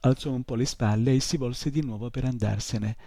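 Brief: calm audiobook narrator, male, warm and dark, close and dry. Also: medium pitch, normal speed, no echo. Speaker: audiobook reader. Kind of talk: reading a novel aloud.

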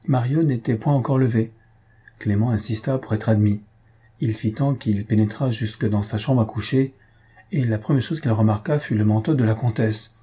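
A man reading a novel aloud as scripted narration, in a measured, literary manner. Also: lowish voice, dark tone, breathy edge. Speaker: audiobook reader.

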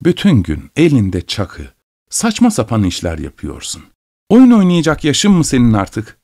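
A man voicing a stern, sharp-tongued farm mother who scolds and gives orders. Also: medium pitch, big pitch swings, normal speed, lightly acted. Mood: scolding. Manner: scolding, commanding.

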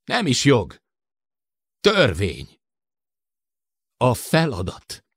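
A tall, stern hunter, as a male reader plays him in an audiobook, who is raging. His voice is pushed up high and loud, rising and falling sharply. It sounds close and dry. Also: wildly swooping pitch, husky, no room sound, heavily acted. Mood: furious lecturing. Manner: drawling, then bursting into shouts. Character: tall stern hunter, brooding and hot-tempered.

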